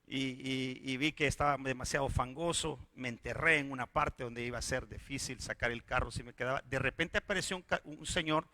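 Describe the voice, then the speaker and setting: A man preaching a sermon to his church, telling stories and rising into fervent, shouted preaching. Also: mid-range voice, brisk, hardly any pauses, no echo. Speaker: pastor.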